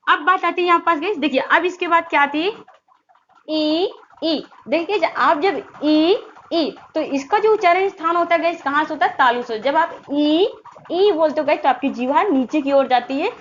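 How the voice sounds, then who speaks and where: A high-pitched woman teaches Hindi grammar. She asks questions over and over and stretches the vowel sounds to demonstrate them. The recording is slightly dull and lo-fi, with a faint hiss behind her. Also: moderate pace, fairly bright tone. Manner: repetitive call-and-response questioning. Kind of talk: exam-prep grammar lesson.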